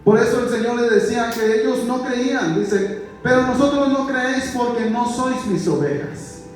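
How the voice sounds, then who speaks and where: A man preaching a sermon as pastor, stretching out scripture quotes slowly and calling the listener "my brother". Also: extremely high pitch, faint music behind. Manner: preaching, repeatedly addressing "mi hermano"; slows down for emphasis on scripture quotes. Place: church. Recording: very echoey church hall, distant mic.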